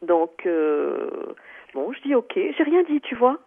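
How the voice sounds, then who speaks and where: A woman's voice: fairly high pitch, very animated, takes it slowly, slightly rough. A woman calling in to tell a personal story, talking hesitantly with many fillers and restarts. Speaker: caller. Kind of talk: phone-in personal account. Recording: tinny phone line.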